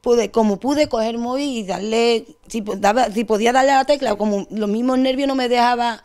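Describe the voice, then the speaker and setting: A young woman with an Andalusian accent, giving a distressed, rushed account as an interviewee. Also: on the high side, a little mellow. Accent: Andalusian Spanish. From Spain. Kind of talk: emotional testimony.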